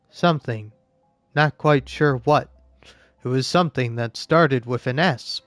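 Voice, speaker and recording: A man voicing a sarcastic, self-mocking male robot in a slow, flat monotone while commenting on a game. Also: medium pitch, clear, resonant tone, no echo. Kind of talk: gameplay commentary.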